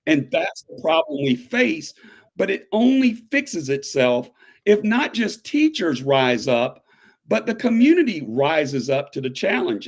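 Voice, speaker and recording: A man in his fifties with a fairly high voice talks as a guest in an interview. He is animated and emphatic, speeding up as he makes his points and pushing his pitch up on pointed questions. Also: husky. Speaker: high school history teacher, guest. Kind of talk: conversational interview.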